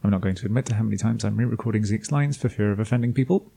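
A man's voice: on the low side, racing, creaky, dark tone, husky. A man reading a scripted recap of a tabletop campaign as game master, with dry, self-deprecating asides. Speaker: game master and podcast host.

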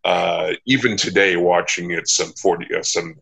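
A man hosting a casual interview, talking in a halting, reflective and long-winded way. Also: sits low, steady tone, gravelly, sharp tone, breathy edge, poor audio. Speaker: interview host.

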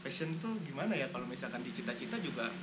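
A man's voice: medium pitch, big pitch swings, rapid-fire, background noise. A young man co-hosting a casual podcast, agreeing often and chiming in with easy laughter. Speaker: podcast co-host.

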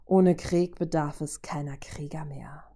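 A woman voicing a cold, menacing male robot villain in a low, hushed murmur. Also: fairly even intonation, unhurried.

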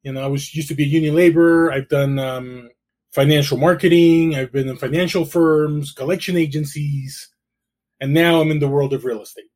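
A man's voice: a little high, steady tone, normal speed, darkish tone. Middle-aged man from El Salvador. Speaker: guest, realtor. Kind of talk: casual interview storytelling.

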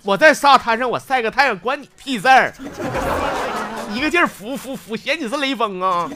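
A man putting on a hysterical young woman, shrill scolding, raised voice, lively swings. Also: a little fast, a loud crowd, heavy background noise. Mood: furious. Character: angry young woman sunbathing on a beach.

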